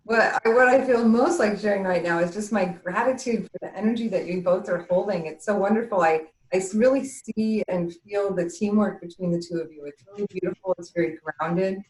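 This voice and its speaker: A woman's voice: mid-range voice, fairly quick, few pauses, darkish tone, reverberant, low-quality recording. A woman guest on a podcast, chatting easily about her work with small restarts and thanks. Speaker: podcast guest, spiritual channel. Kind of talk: casual interview chat.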